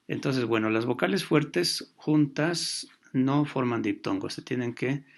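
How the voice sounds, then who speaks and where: A man teaching a grammar lesson, explaining patiently with pauses and fillers. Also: mid-range voice, gravelly.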